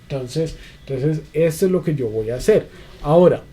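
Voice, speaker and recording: A man's voice: on the high side, lively intonation, moderate pace, warm tone. A man teaching an online spreadsheet class, walking through each step patiently with many repeated fillers. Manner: patient, repetitive, fillers like "entonces" and "listo". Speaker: instructor.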